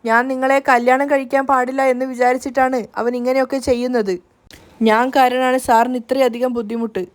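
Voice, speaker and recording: Woman doing a worried young woman, high voice, pleading, tender. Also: level tone, a little fast, lightly acted.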